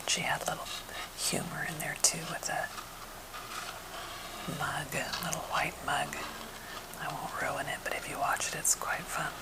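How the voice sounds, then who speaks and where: An American woman whispering softly and breathily in a gentle, unhurried ASMR chat, as for a finger-tapping video. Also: deep voice, little pitch movement, poor audio. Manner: gentle, unhurried rambling storytelling. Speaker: ASMR creator showing wooden objects.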